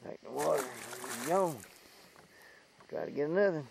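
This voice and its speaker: A man's voice: mid-range voice, animated, normal speed, gravelly. A man with a Southern US accent chatting casually as a fishing partner, outdoors in a boat on a lake. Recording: noisy outdoor camera recording on a lake.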